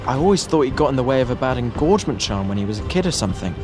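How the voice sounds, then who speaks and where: A man's voice: mid-range voice, very animated, racing, over music, voice pushed down. A man voicing an awkward, hot-headed teenage schoolboy who blusters and splutters. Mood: blustering.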